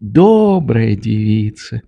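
A man voicing a methodical, prim old male doctor who speaks slowly and reprovingly in an audiobook. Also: on the low side, very animated, gravelly, dry recording, lo-fi sound, exaggerated voice. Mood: confiding. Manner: slow, measured, gently reproving. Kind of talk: audiobook character reading.

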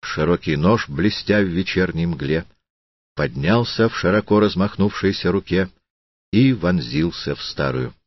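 A man reading a literary audiobook in a slow, deliberate, solemn manner. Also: sits low, lively intonation, no echo, highs cut off. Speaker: audiobook narrator.

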